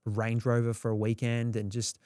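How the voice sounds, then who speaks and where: A man's voice: medium pitch, monotone, moderate pace, mellow, no echo, clean studio sound. A young Australian man telling his story in a candid, rambling way, swearing freely and acting out quotes. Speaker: guest.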